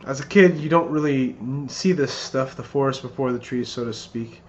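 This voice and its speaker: A man in his thirties rehearsing a best man's wedding speech in an earnest, somewhat halting way, often repeating phrases. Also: medium pitch. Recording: muffled lo-fi, clear background noise.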